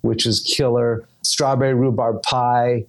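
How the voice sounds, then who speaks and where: A man's voice: mid-range voice, flat delivery, a little slow. A man with a mid-range voice chats casually in a sponsor segment about his restaurant. He sounds enthusiastic and easygoing, talking to an old friend. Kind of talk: promotional chat.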